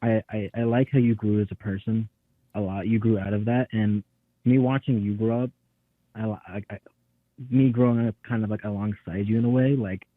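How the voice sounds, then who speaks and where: A nineteen-year-old man speaks in an earnest voicemail message, heard through a tinny, phone-like line. His voice sits a little low, and the sound is dry. He talks haltingly and repeats words as he gets his thoughts out. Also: steady tone, no room sound. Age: teens. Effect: voicemail played over a phone line. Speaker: caller leaving a voicemail.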